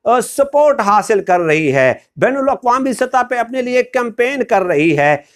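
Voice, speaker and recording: A man with a high, light voice and a Pakistani Urdu accent hosts a political commentary vlog. He speaks in a formal, polished register and addresses his viewers directly. His delivery is punctuated by frequent hesitant fillers as he gathers his thoughts. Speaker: political vlogger.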